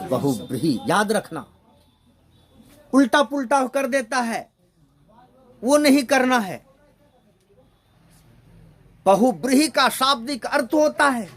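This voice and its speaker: A male teacher with a strikingly high voice leads a grammar lesson. He talks at an unhurried pace, asks the class questions and repeats his points to drill them in. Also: a bit bright.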